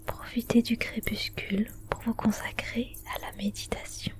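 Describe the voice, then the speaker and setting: Woman, ASMR whisper, breathy, hushed, flat intonation, measured instructional phrasing, wellness guidance. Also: on the high side.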